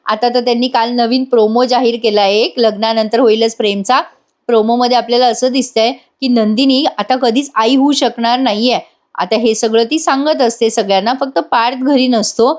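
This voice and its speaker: A woman's voice: fairly high pitch, fairly even intonation, moderate pace. A woman giving a chatty voice-over review of a TV serial episode, addressing her viewers directly and teasing them.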